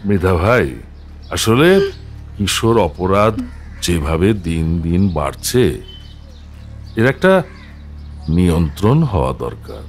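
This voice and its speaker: An actor playing an outwardly reasonable, scheming councillor with a measured, mildly preachy manner. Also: male voice, deep voice, expressive, soft background music, exaggerated voice. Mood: measured, placating. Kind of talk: film drama acting.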